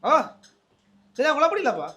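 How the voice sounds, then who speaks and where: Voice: sits high, huge pitch swings, normal speed, pushed and bright. A presenter with a Sri Lankan Tamil accent, delivering a surprise gift and chatting in a playful, teasing way. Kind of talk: casual on-camera banter.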